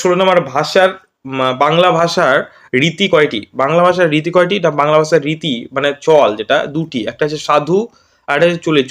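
A man's voice: a little high, fairly bright tone. A male teacher from West Bengal giving an exam-prep grammar lesson, constantly checking with "right?" after each point. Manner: repeats "ঠিক আছে?" after each point, quizzing students.

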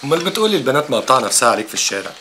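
A man's voice: mid-range voice, sing-song, racing, bright, forceful tone, a little hiss or hum. An actor with an Egyptian Arabic accent playing a condescending male agent who coaxes a young woman, in a TV drama. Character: smooth male talent agent, patronizing.

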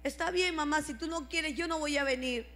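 A woman giving a fervent religious testimony, often breaking into shouts of praise. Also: high voice, fairly quick, long reverb tail. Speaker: church member giving testimony.

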